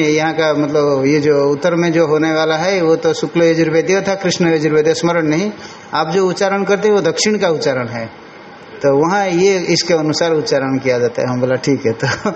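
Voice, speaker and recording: An older male monk giving a scripture lecture, explaining slowly and chanting Sanskrit words with care. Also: a little high. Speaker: monk teacher. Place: ashram hall. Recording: roomy, dull lo-fi recording with faint hiss.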